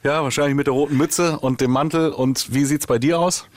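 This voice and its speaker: A man's voice: on the high side, fairly even intonation, brisk, dry recording. A man co-hosting a podcast, joking and telling stories in casual chat. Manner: joking, teasing, storytelling. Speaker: podcast co-host.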